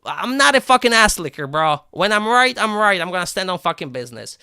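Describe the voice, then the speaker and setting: A man livestreaming a game and ranting to his chat, profane and combative, swinging between animated outbursts and flat calm, with a habit of asking "right?". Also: sits high, fairly quick, creaky, clear, resonant tone, no echo, studio quality. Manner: repeats "right?" and restarts words. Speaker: live game streamer talking to chat. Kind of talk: unscripted stream rant.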